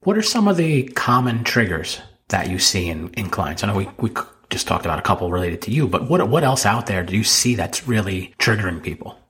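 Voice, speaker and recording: A man's voice: on the low side, very animated, a little fast, few pauses, a bit bright. A man hosting an interview in a conversational style, putting questions to his guest. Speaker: interview host.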